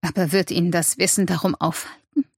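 A gentle, soft-spoken young woman, as a woman voices her in an audiobook. She speaks in a hushed way with a breathy, husky tone. The sound is close and dry. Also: lowish voice, fairly even intonation, a little fast, no echo.

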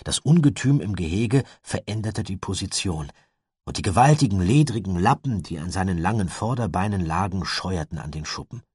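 A man narrating a storybook in a measured, expressive way. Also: sits low, breathy edge, no echo, clean studio sound. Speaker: audiobook narrator. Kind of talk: scripted narration.

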